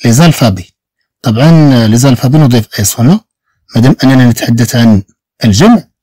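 A man's voice: mid-range voice, lively intonation, warm tone, husky, dry recording. A man with a Moroccan Arabic accent giving a beginner French lesson, patiently repeating each sound for his students. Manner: patient, drills sounds by repeating them slowly. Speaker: French teacher.

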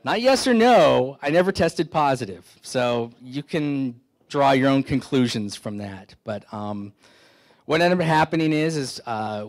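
A middle-aged man from the San Francisco Bay Area gives a keynote talk, telling stories with self-deprecating humor. He speaks into a handheld microphone in an indoor meeting hall. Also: mid-range voice. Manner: conversational storytelling, self-deprecating humor, many restarts. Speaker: keynote speaker, FBI agent. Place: indoor meeting hall, standing before an audience.

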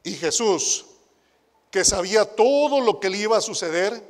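Man, Mexican accent, high voice, youth pastor, sermon, rhetorical questions, hushed asides and loud emphatic declarations, long hall reverb. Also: lively intonation, moderate pace.

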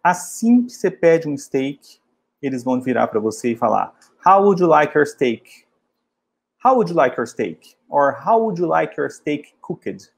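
A man from Brazil, teaching travel English in a casual way and repeating model phrases slowly. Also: a little high, very animated, vocal fry, husky. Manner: slow, drilled model phrases in English between casual explanations.

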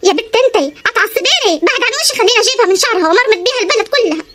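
Fiery Upper Egyptian village wife for a cartoon , voiced by an actor: jealous, quarrelsome, very high and very fast. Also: female voice, expressive, a little hiss or hum, full character voice. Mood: scolding. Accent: Upper Egyptian Arabic. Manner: sharp-tongued, quarrelsome. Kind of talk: animated comedy voice acting.

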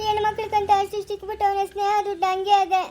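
A woman's voice: extremely high pitch, level tone, fast talker, warm tone, a little hiss or hum. A woman playing a weeping old mother-in-law. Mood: tearful pleading. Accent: Chikkaballapur Kannada. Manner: tearful, begging, repetitive. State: crying. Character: aging widowed mother-in-law, poor and pleading.

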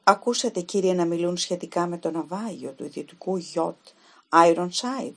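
A woman's voice: fairly low pitch, gravelly, fairly bright tone. A woman reading aloud, voicing a pale, frightened young female typist who pleads in a trembling voice. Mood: anxious pleading.

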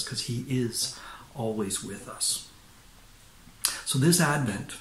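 An older man preaches a gentle sermon from his living room, pausing often and restarting his sentences. His voice has a gravelly fry, and the home room sounds echoey around him. A faint hiss sits under the recording. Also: medium pitch. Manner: halting, many fillers and restarts. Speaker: pastor.

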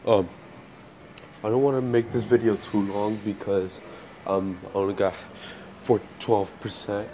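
A man's voice: fairly low pitch, fairly even intonation, a little slow, mellow, a little hiss or hum. A man vlogging casually from inside a store, rambling and stumbling over restarts, recording on a handheld phone. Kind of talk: casual vlog chat. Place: indoors in a store.

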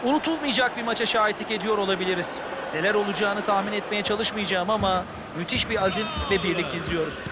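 A man's voice: sits high, fast. A man giving analytical co-commentary on a football match, commenting on the play. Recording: clear stadium noise behind the voice.

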